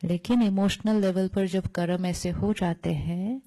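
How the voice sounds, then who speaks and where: A woman's voice: lowish voice, steady tone, a little slow, warm tone. A woman giving a spiritual discourse, mixing Hindi and English, explaining with step-by-step analogies and rhetorical questions. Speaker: spiritual speaker.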